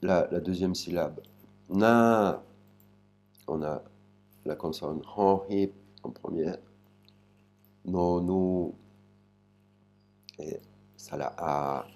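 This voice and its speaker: A man with a very deep, dark voice gives a language lesson. He speaks slowly and spells out each sound and syllable with care. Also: steady tone. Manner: slow, spells out sounds one by one. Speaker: Thai language teacher. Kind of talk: spoken lesson.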